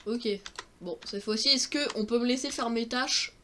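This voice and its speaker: A man's voice: very high voice, moderate pace, bright, forceful tone, slight background noise. A young man giving joking, self-mocking commentary while playing a video game, talking to his viewers. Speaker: gaming streamer. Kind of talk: let's-play commentary.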